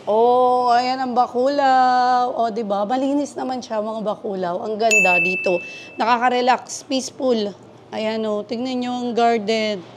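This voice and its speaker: A woman's voice: on the high side, fairly even intonation, measured pace, background noise. A woman from the Philippines giving a chatty, gushing walking tour of a cafe garden on her handheld phone, switching between Tagalog and English. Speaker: travel vlogger. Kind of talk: casual walking tour vlog. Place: cafe garden during heavy rain.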